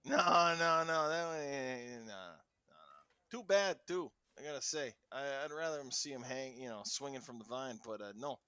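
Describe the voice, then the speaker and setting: A man's voice: mid-range voice, normal speed, few pauses, pushed and bright, smooth, no echo, close to an everyday voice. A man voicing a second male guard who is callous and offhand, with a New Jersey accent. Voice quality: offhand, rambling.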